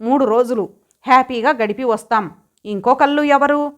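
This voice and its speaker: A woman's voice: high-pitched, moderate pace, close to an everyday voice. A woman voicing a mischievous young husband in light, bantering speech, barely changing her own voice. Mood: teasing.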